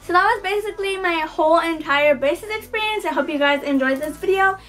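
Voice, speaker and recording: A woman's voice: extremely high pitch, fairly quick, a bit bright, soft background music. A young woman vlogger chatting casually to camera, with a slight lisp from wearing a retainer. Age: teens to young adult. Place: small bedroom indoors.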